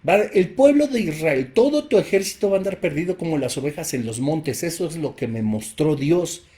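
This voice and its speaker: This man's voice is a little high and animated, with a dark tone and moderate pace. He has a Mexican accent and teaches a Bible study casually, reading verses, asking rhetorical questions, repeating himself, and restarting phrases.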